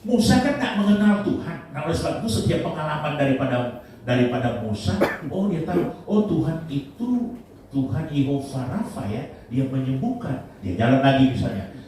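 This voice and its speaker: Pastor, male, animated sermon delivery, boomy church echo, mic set back. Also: moderate pace. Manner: animated preaching, swings between loud emphatic and low asides. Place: church hall. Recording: echoey church hall, mic at a distance, light noise.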